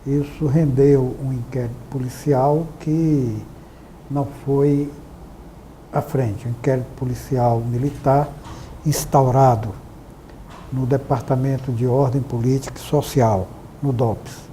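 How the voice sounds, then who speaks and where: A man, giving formal, measured testimony about past events. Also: mid-range voice, fairly even intonation, dark tone, a little hiss or hum, low-quality recording. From Bahia, Brazil. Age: 60s.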